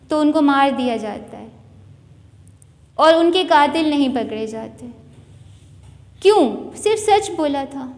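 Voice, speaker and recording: A woman giving an earnest, preachy moral lecture with a Sindhi-region Urdu accent, stressing her key lines. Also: high voice. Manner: earnest, preachy, rising emphasis. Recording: long hall reverb.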